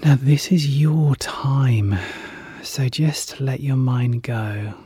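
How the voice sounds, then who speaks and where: A relaxation guide leading a guided hypnosis session in a soft, soothing whisper, repeating gentle calming phrases. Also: medium pitch, very slow, breathy edge, dry recording.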